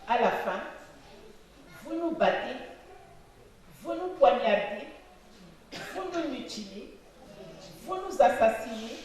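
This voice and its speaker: A woman declaiming a speech to an audience in slow, rhythmic, emphatic lines. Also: a little high, animated, a little mellow, slight background noise. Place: meeting hall. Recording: echoey hall from far off.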